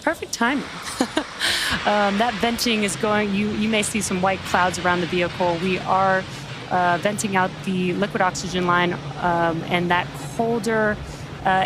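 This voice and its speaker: Female, live launch commentator, upbeat, explanatory, medium pitch, noisy background. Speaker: launch webcast host.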